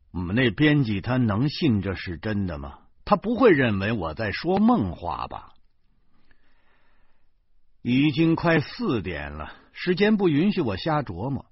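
Male audiobook narrator, husky, very animated delivery, dry, lo-fi sound. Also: mid-range voice, a little slow, no room sound. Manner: lively comic storytelling. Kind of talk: first-person novel narration. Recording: muffled lo-fi recording.

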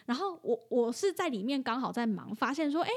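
A woman's voice: high voice, big pitch swings, brisk, husky. A woman who works at an animal hospital, telling a story in a casual chat and laughing often.

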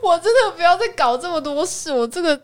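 Animated young woman with a Taiwanese accent. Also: very high voice, fast. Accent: Taiwanese Mandarin. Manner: animated, exasperated storyteller. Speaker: podcast co-host. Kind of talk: casual storytelling chat.

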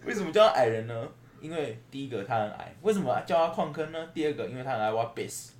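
A man's voice: mid-range voice, animated, fast. A young man in his late teens with a Taiwanese Mandarin accent, co-hosting a podcast in casual chat, teasing, swearing freely and laughing often. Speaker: podcast co-host. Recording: echoey room.

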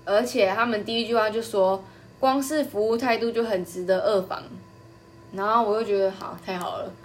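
A woman's voice: mid-range voice, steady tone, moderate pace, a little hiss or hum. A young woman from Taiwan, hosting a podcast and chatting casually, telling a story and acting out the customers' lines. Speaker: podcast host.

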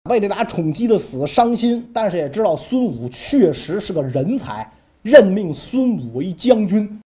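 A woman's voice: fairly low pitch, warm tone. A woman telling ancient history in a jokey, chatty way with asides to listeners. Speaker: storyteller. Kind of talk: colloquial history storytelling.

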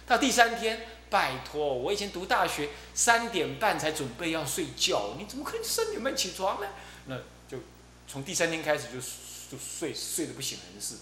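A middle-aged man, giving a Buddhist dharma talk as abbot and telling stories in a lively way, often repeating his fillers. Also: on the high side, moderate pace. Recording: roomy echo with faint hum.

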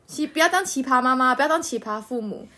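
Woman podcast host, high pitch, giggly storyteller in a casual chat. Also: lively intonation, fast, pushed and bright. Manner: laughs often while telling family stories.

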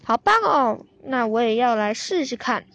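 Brief: playful little boy voiced by a woman, high and bright, storybook. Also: expressive, slow, dull audio, full character voice.

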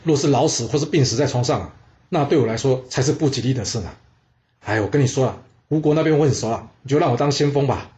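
A man's voice: medium pitch, fast, mellow, highs cut off, lightly acted. A man voicing a bold, stubborn old general who talks in a brash, insistent way.

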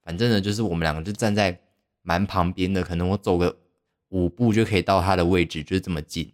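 A young man's low voice, fairly even in intonation and quick in pace, carries a casual podcast story. As host he rambles, makes fun of himself, and scatters fillers throughout.

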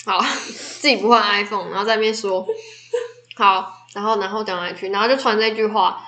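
A woman's voice: mid-range voice, steady tone, a little fast, bright, forceful tone, slight background noise. A young woman with a Taiwanese Mandarin accent, co-hosting a podcast in easygoing casual chat and telling stories with little laughs. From Taitung, Taiwan. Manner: easygoing storyteller, trailing off and restarting with small laughs. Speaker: podcast co-host. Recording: roomy echoey room.

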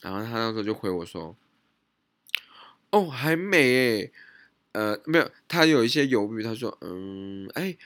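A man's voice: mid-range voice, creaky, dry recording. A man with a Taiwanese Mandarin accent hosting a podcast, telling a personal story in a hesitant way with many restarts. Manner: hesitant, lots of restarts and self-questioning. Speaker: podcast host. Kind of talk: casual solo storytelling.

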